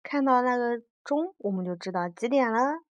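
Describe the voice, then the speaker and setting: A woman reads a children's picture book aloud, gently explaining and checking in with the listening child. Her voice sits a bit high and sounds close and dry. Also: lively intonation, moderate pace, no room sound, muffled recording. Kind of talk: storybook reading aloud to a child.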